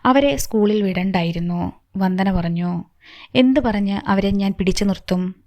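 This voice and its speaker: Woman reading a novel out loud, does all the characters herself, dry close mic, steady middle pitch. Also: moderate pace, no room sound. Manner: reads all characters in her own voice. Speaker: storyteller. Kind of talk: audiobook narration of a novel.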